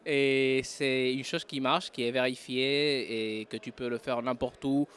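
Unhurried and fairly even in intonation, this man from Spain speaks in a mid-range, fairly bright voice with a Spanish accent. As a recruiter being interviewed casually in a language not his own, he hesitates and leans on fillers while hunting for words.

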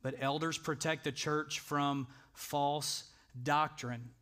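Man, pastor, sermon, fairly high voice, earnest conversational preaching, emphatic build-ups. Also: steady tone, slow pace, bright, forceful tone. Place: church sanctuary.

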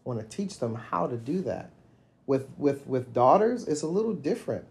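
A middle-aged man talks in a relaxed podcast conversation. His voice sits at an ordinary middle pitch. He sounds reflective and tells his stories at length, rising and getting animated whenever he quotes himself. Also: normal speed, vocal fry. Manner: reflective, storytelling, animated when quoting himself. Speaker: podcast co-host. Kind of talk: casual conversation.

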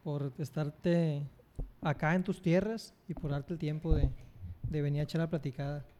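Mexican male podcast host, mellow voice. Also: on the high side, moderate pace, slight background noise. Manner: relaxed, slangy, many fillers. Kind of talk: casual conversational interview.

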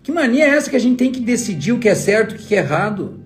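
A man's voice: very high-pitched, very animated, racing. A man giving an emphatic motivational talk as a trainer, full of rhetorical questions aimed at the listener. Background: faint guitar music.

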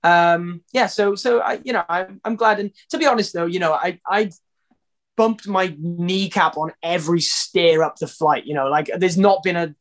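In a casual interview, a singer from Wales speaks at normal speed in a strikingly high-pitched voice. His talk is loose and informal, wandering through restarted sentences and plenty of fillers.

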